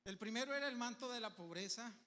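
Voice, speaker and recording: A man preaching a sermon with emphatic bursts and quiet asides, calling the congregation to say amen. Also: very high voice, fast, long reverb tail. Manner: calls on the congregation for amens.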